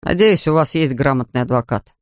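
A man's voice: medium pitch, a little fast, no room sound, voice pushed down, natural voice. A man voicing a stern, weary male police officer in an audiobook, with a dry, official manner of speaking. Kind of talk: audiobook character voice.

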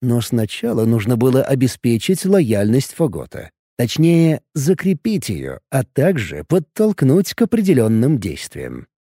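Dark-voiced male audiobook narrator. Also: mid-range voice, wildly swooping pitch, a little slow, few pauses, slightly rough, no room sound, clean studio sound. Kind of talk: scripted narration.

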